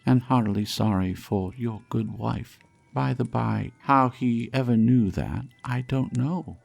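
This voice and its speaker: A man's voice: mid-range voice, unhurried, vocal fry, darkish tone, soft background music, pitched above the performer's own voice. A man voicing a tender, grieving working-class father in a storybook, speaking earnestly and with emotion. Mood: grateful, warm. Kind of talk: storybook character acting.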